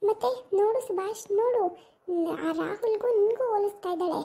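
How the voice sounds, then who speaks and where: A woman's voice: extremely high pitch, brisk. A woman playing a jealous, hot-tempered wife. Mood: accusing. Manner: scornful, accusing, shouting insults. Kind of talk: amateur village drama acting.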